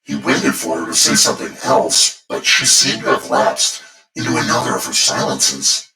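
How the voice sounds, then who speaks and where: A man narrating a spooky bedtime story as its host, in a deliberate, theatrical manner. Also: extremely low pitch, big pitch swings, bright, forceful tone. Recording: echoey, distant voice over music. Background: music.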